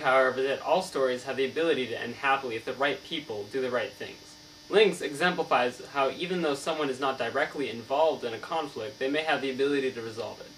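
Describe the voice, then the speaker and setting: Acting lightly as an earnest, learned novelist, a male student answers scripted mock-interview questions in formal, recited sentences and trips over the occasional word. His middling-pitched voice has a fairly bright tone. The low-quality recording was made far from the mic, with mains hum underneath.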